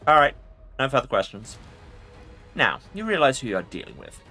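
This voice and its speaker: A man's voice: mid-range voice, wildly swooping pitch, normal speed, bright, forceful tone, soft background music, voice pushed up, full character voice. A man voicing an ancient undead lich from a fantasy game, arrogant and imperious, with pompous formal speech. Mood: arrogant, dismissive. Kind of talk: dramatic video game role-play reading.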